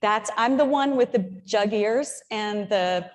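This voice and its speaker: A woman's voice: mid-range voice, slow pace, darkish tone. A woman in her fifties giving a motivational keynote talk, telling personal stories with humorous asides to the audience. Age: 50s. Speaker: keynote speaker. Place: large old theater venue. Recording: long hall reverb on stage.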